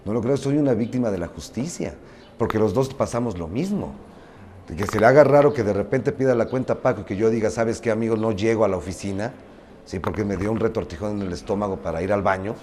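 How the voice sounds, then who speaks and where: A man with a fairly low voice answers defensively, insisting on his point. Faint noise hangs in the background. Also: quick pace, darkish tone. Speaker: interviewee. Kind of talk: interview answer.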